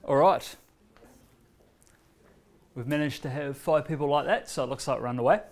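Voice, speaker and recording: A man in his thirties from New Zealand gives an informal workshop demonstration of a learning tool, relaxed and conversational with many fillers and pauses. He stands and walks between the screen and laptop in a bright, medium-sized indoor meeting room. His mid-pitched voice is picked up by a far camera mic across the room.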